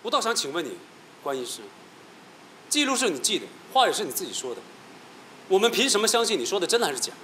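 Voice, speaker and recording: A combative widower in a TV drama, quick and sharp-tongued, with a high voice that swings widely as he spars with the doctors. The voice rings in an echoey hall with ambient noise. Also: very animated, full character voice. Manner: sarcastic, confrontational. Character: combative widower suspicious of the hospital.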